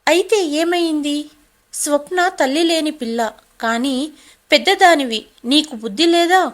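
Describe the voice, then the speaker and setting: A woman's voice: high-pitched, a little slow, voice pushed up. A woman voicing a stern, protective elderly father in a storybook drama. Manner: stern, scolding.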